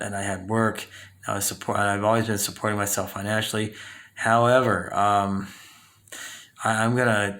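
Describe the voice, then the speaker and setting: On his own channel, a Southern Californian man in his fifties rambles through a casual talking-head monologue, full of fillers, restarts, and corrections of himself. His voice sits on the low side with a slightly bright quality.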